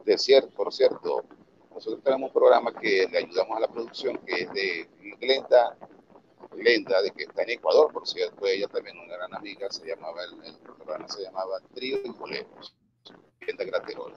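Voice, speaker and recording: A Venezuelan radio announcer with a Valera accent explains his craft in a low voice, earnest and instructive, restarting phrases as he goes. He comes through a dull, lo-fi video call with a faint hiss underneath. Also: normal speed. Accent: Venezuelan Andean, Valera. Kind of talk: remote interview answers.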